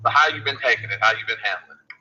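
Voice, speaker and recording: A man's voice: mid-range voice, rapid-fire, bright, forceful tone. A man hosting a casual radio show, talking in a folksy, incredulous way. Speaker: host. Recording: dull lo-fi livestream audio with faint hiss.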